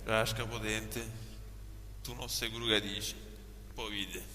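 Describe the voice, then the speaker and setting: A man's voice: on the low side, little pitch movement, a little slow, sharp tone. A man voicing a crude, cocky southern Italian from Puglia who banters bluntly in dialect, in a comic film dub. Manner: vulgar, blunt street banter. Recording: echoey hall, faint hum and noise.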